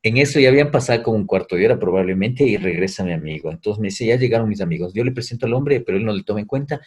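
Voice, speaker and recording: Husky-voiced man telling a story. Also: lowish voice, rapid-fire. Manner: animated, acts out quoted voices. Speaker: guest. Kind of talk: casual storytelling.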